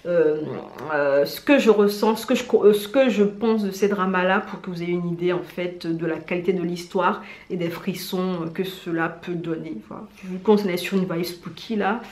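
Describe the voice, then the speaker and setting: A woman vlogger chatting casually in an animated, slangy, self-mocking way as she gives recommendations. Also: fairly low pitch, normal speed. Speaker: vlogger presenting drama recommendations. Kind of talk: casual chat to camera. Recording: roomy indoor echo.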